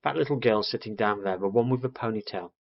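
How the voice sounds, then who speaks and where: A man voicing a patient mother barn owl who speaks gently but firmly, close to his own low voice, on a lo-fi recording. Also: fast talker, vocal fry. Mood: gentle. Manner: calm, gently firm.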